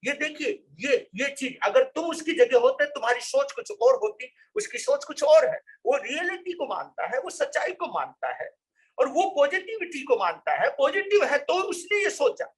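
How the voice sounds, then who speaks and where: High-voiced monk telling a sermon story. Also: male voice, very animated, moderate pace, rough recording. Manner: repeats phrases for emphasis. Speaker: Jain monk.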